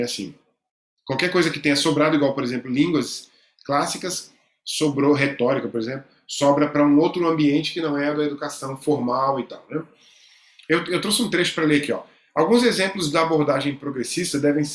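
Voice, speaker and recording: Brazilian male teacher, fairly high voice, chatty and halting, echoey room. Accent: Brazilian Portuguese. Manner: conversational, many fillers and repeated words. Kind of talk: online lecture with screen drawing.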